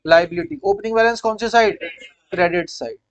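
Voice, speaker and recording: A man with an Indian accent gives an accounting lesson, often quizzing the class and saying key points twice. His voice sits high for a man. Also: brisk. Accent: Indian English. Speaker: accounts teacher. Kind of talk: classroom-style lecture.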